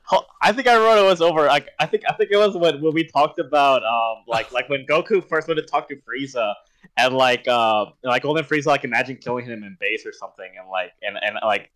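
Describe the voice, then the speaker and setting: A man chatting casually on a friend's stream, speaking in a halting, slangy way with some swearing. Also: mid-range voice, a bit bright, rough recording. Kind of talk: casual chat.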